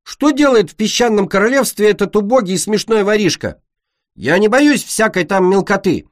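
A man's voice: high voice, expressive, moderate pace, pitched above the performer's own voice. A man voicing a small female dragon who plays a grandiose, boastful queen in a storybook reading. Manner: grandiose, theatrical.

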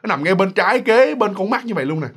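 A man tells a ghost story to his listeners. His voice sits high and swoops through a wide range as he chats along, and he slips into the voices of the people in the story. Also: fast talker, breathy edge. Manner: chatty and animated, addresses listeners directly, acts out voices.

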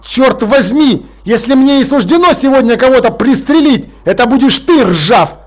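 A stubborn watch commander, as a male narrator plays him, blunt and dry, issuing orders in a fairly high man's voice. He sounds firm and unimpressed throughout. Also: moderate pace. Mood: commanding.

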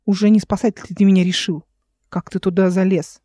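A woman's voice: mid-range voice, little pitch movement, brisk, warm tone, no room sound, studio quality, close to an everyday voice. A woman voicing a stern captive noblewoman who speaks curtly and commandingly. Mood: sharp. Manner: curt, commanding. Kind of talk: audiobook character voice.

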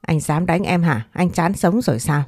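A woman's voice: lowish voice, expressive, normal speed, a little mellow, no echo, clean studio sound, soft background music. A woman voicing a spoiled, hot-tempered young wife who quarrels shrilly. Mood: angry.

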